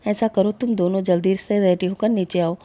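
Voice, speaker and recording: A woman's voice: mid-range voice, steady tone, normal speed, mellow, close to an everyday voice. A woman voicing a caring, bustling middle-aged mother in a spoken story, giving motherly instructions.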